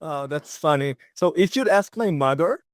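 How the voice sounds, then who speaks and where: Sounding animated at a moderate pace, a young Israeli long-distance cyclist tells stories as an interview guest, his voice slightly high for a man. He's loose and friendly, dotting his talk with "like" and "you know." The recording is dry and close, with no room sound.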